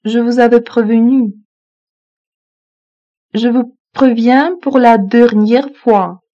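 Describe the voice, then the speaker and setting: A woman slowly reading French phrasebook lines, saying each one twice in an even manner. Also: fairly high pitch, muffled recording. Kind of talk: slow repeated phrasebook reading.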